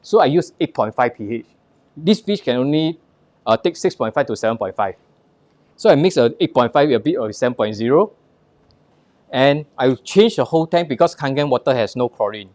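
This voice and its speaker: A man's voice: mid-range voice, animated, a little fast, darkish tone, no room sound. A man with a Singaporean accent presenting a live product demonstration, instructing the audience in short punchy phrases and rhetorical questions, with personal anecdotes mixed in.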